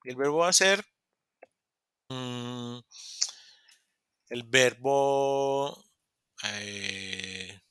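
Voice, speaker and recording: A man's voice: mid-range voice, drawn-out words, long pauses, a bit bright, clear, resonant tone, no echo, studio quality. A man teaching English grammar in an online class, patiently repeating examples and acting out short dialogues. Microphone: computer mic in a video call.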